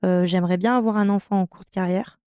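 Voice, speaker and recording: This French handball player in her thirties talks fast and smoothly in a steady, mid-range voice as she tells her career story for a podcast. Despite many hesitations and fillers, her enthusiasm is warm. The sound is clean studio audio with no room sound.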